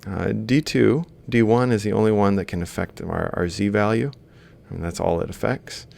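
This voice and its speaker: A robotics lecturer talks informally, working through an example step by step as he writes it out. His voice is lowish, steady, gravelly and a bit mellow, at a normal speed.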